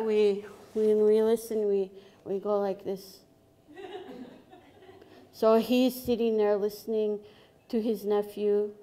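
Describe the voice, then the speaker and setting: A woman telling a traditional story to an audience, acting out the characters with expressive sounds and an unhurried delivery. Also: mid-range voice. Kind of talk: live oral storytelling lecture.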